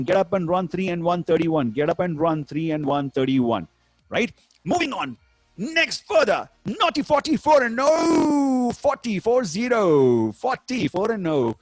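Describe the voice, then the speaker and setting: A man's voice: sits high, sing-song, normal speed, no room sound, soft background music. A man with an Indian accent working as a bingo caller, calling numbers with rhymes in a showy, repetitive sing-song patter. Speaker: bingo caller hosting an online game.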